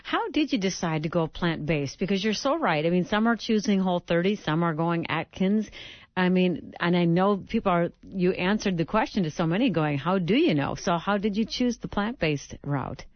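Engaged woman host, low-pitched, muffled sound. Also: lively intonation, normal speed, no room sound. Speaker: radio host. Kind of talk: radio interview. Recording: muffled dry radio audio.

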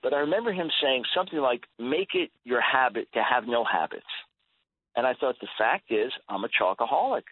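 A man's voice: medium pitch, animated, fairly quick, husky, no echo. A man in his sixties talking as a guest on a radio interview, earnest and emphatic, often repeating words as he starts a thought. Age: 60s. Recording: tinny phone-line radio audio, dry.

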